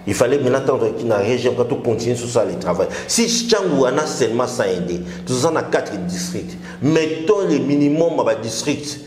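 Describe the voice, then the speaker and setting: A man's voice: mid-range voice, expressive, fairly quick, few pauses, darkish tone, slight background noise. Emphatic man, echoey room. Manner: emphatic, mixes French and Lingala. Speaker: political guest. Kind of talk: political talk show discussion.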